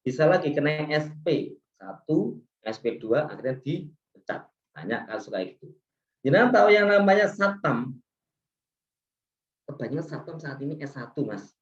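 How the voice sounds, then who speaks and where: Male seminar speaker, echoey hall, dull PA sound. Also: on the high side. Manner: explains points one by one, asks the audience "ya kan?"; acts out service staff lines in a raised voice. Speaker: speaker at a student seminar on customer service. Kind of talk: seminar presentation with slides.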